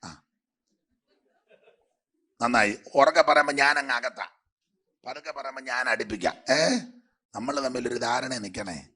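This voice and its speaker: A man preaching a sermon as pastor, his throat congested, swinging between loud emphatic passages and quiet asides. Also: medium pitch, a little slow, long pauses, husky.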